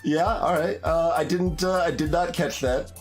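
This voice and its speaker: A man with a fairly high voice speaks at a moderate pace, streaming a let's play with game music behind him. He muses hesitantly as he comments on the game, often trailing off mid-thought.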